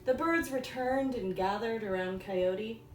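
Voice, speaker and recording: A woman teacher reading a storybook aloud for young children, in simple, deliberate phrases. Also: a little high, faint music behind. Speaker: elementary school teacher. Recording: echoey room, distant mic, faint noise.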